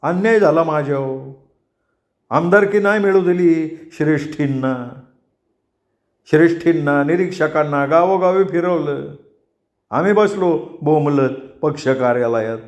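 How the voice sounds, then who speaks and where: Drunk middle-aged party worker, ranting, rustic, self-pitying, somewhat high voice, voiced by a man. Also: measured pace, natural voice. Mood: indignant.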